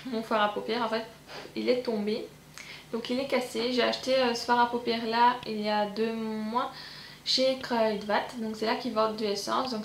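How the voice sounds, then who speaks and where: A woman's voice: a little high, gravelly, fairly bright tone, roomy sound, slight background noise. A woman with a Belgian French accent, chatting in a bubbly, rambling way as a beauty vlogger showing a haul, filling her talk with "donc voilà". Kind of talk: casual haul video chat.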